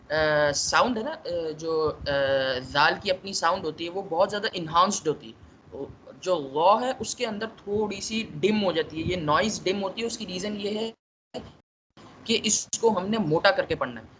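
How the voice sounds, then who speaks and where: A man's voice: sits high, fairly bright tone, a little hiss or hum, rough recording. A man teaching a class, explaining patiently and saying letter sounds aloud to show how they are made. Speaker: tajweed teacher.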